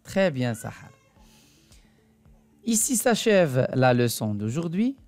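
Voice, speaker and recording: A woman teaching a reading lesson to a young child, speaking slowly and carefully and repeating each point. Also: very deep voice, big pitch swings, darkish tone. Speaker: primary school teacher.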